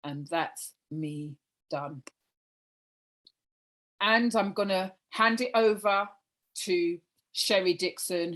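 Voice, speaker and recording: Lower-pitched woman over fifty, hosting online. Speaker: event host. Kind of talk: informal presentation and introduction. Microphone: video call.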